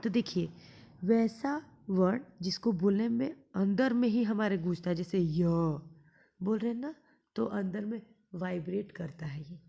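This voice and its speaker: Woman teacher for a class lesson: husky, gravelly delivery, patient and explanatory, poses questions to students then answers them herself. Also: medium pitch, mellow. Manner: draws out sounds slowly when demonstrating.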